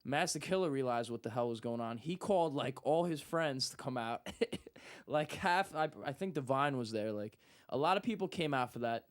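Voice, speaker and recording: A man's voice: mid-range voice, normal speed, hardly any pauses. A young man telling a story in casual talk, acting out what people said. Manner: animated, acts out quotes. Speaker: guest.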